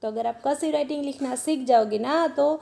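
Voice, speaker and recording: A woman teacher leads a children's cursive writing lesson, drawing out letter names and example words slowly. Her voice sits high but has a dark, gravelly edge. She speaks patiently, switching between Hindi and English.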